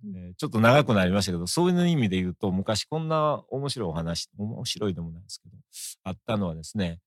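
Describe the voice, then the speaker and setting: A middle-aged man with an Osaka accent, a guest in a conversational interview, talking in a measured, reflective way. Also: lowish voice, very animated, dry recording, studio quality. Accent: Osaka Japanese.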